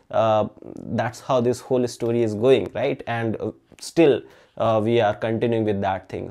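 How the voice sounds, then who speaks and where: A young man whose first language is Hindi hosts a chemistry channel, talking casually and earnestly to camera in a medium-pitched, dark voice, often adding "okay?" and fillers. He is in an indoor room with balloons, facing the camera at mid framing.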